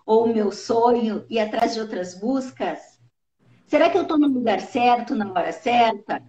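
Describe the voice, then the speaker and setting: A woman hosting a casual live-stream conversation, lively and swooping in pitch as she explains. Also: moderate pace. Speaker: live show host. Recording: roomy, slightly dull live-stream audio.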